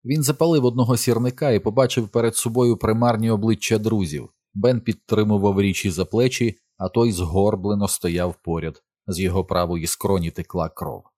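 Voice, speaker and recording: A man reading an audiobook as narrator in a steady, measured way. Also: on the low side, no echo, clean studio sound. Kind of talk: scripted narration.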